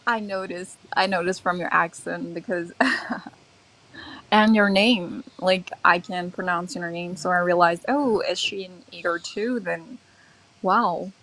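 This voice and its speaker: A guest from China chats casually in English on a livestream, laughing often and teasing in an easygoing way. Her fairly low voice moves at a measured pace with fairly even intonation and a slightly bright tone, though the audio is poor.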